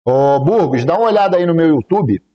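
A man's voice: fairly high pitch, animated, a little fast, muffled recording. A man from Brazil streaming live day trades, chatting casually with viewers and joking while he counts aloud. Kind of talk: live trading stream chat.

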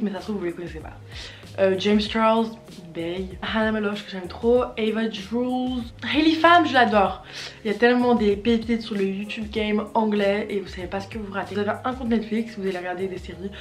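A teenage girl from France talking casually to camera at home, chatty and slangy with playful asides. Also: medium pitch. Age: teens. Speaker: YouTuber. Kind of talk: casual vlog talk to camera. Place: home, in front of a fireplace.

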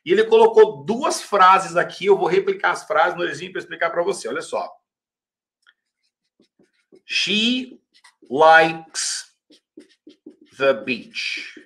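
Casual Brazilian English teacher on a live stream. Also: male voice, high voice, fairly bright tone. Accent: Brazilian Portuguese. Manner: casual, chatty, reads viewer questions aloud; says English example phrases slowly and carefully.

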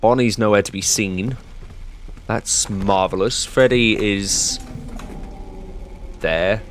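A man's voice: fairly low pitch, takes it slowly, a little hiss or hum. A young man commentating on a horror game, sarcastically chatting to the enemies as he plays. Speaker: gameplay streamer.

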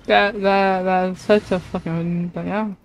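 This female livestreamer has a lowish, level voice and takes her time, casually rambling and thinking out loud during gameplay. Video game music plays in the background of her informal stream chat.

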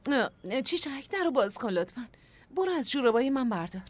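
A brisk impatient older sister. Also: female voice, high-pitched, very animated. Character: weary young woman raising her siblings. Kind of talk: Persian dub of a TV drama.

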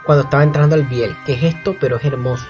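A man reacting to a show at home late at night, excitable and swearing often, with sudden shrieks. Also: medium pitch, very fast. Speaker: reaction video host. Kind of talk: casual reaction commentary. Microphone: built-in computer microphone. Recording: dull lo-fi laptop mic with show music playing.

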